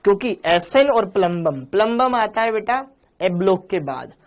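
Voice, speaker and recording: A man's voice: sits high, expressive, normal speed. A man teaching a live online chemistry class, coaxing and teasing his students as he reads their chat messages.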